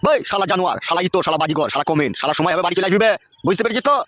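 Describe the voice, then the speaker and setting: A man's voice: high-pitched, expressive, racing, no room sound. A man voicing an exasperated, foul-mouthed village father in a comic cartoon, ranting at his son. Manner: ranting, cursing. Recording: loud background music.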